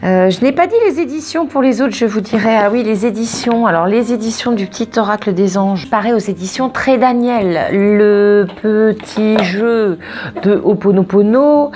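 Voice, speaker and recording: A woman reading oracle cards and giving spiritual guidance in a casual, expressive way, wandering off into asides and repeating words for emphasis. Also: mid-range voice, normal speed, faint music behind. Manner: expressive, digressive, emphatic repetitions. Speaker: oracle card reader.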